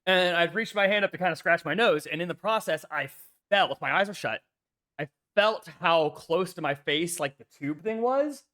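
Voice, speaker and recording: Co-hosting a casual chess stream, a man tells stories with lively energy, acting out quotes and swearing freely. His slightly raspy voice sits a little high and moves at a normal speed.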